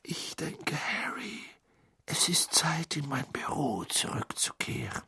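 A reader voicing an old, wise wizard who speaks in a calm, quiet, whispery voice in an audiobook. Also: medium pitch, slow pace, pitched above the performer's own voice.

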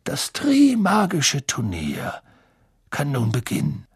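A man voicing a calm, solemn old male headmaster who speaks slowly and ceremoniously, in a husky voice. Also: on the high side, no room sound, clean studio sound, exaggerated voice. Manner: slow, ceremonious speech.

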